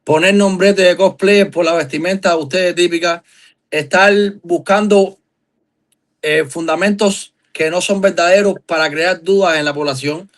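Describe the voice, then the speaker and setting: A man's voice: high voice, fairly even intonation, normal speed, fairly bright tone. An earnest Cuban man speaking as a guest in a live-stream discussion, making emphatic points and asking long questions. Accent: Cuban Spanish. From Cuba.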